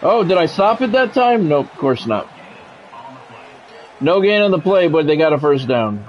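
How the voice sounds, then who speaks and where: This recording is poor. A middle-aged man with a medium-pitched, slightly mellow voice calls a football video game like a radio announcer, speaking in clipped bits with informal asides.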